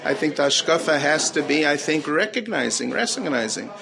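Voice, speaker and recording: A man's voice: fairly high pitch, expressive, a little fast, vocal fry, crowd noise. A man teaching as a rabbi, earnest, repeating key phrases for emphasis and mixing Hebrew terms into his English. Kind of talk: Torah talk answering questions.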